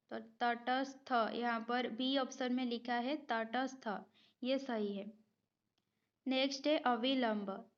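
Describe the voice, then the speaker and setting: High-voiced woman teaching slowly. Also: muffled recording. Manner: methodical, repeats each word and checks with "ठीक है". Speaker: Hindi grammar teacher. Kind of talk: exam-prep lesson, going through multiple-choice spelling questions.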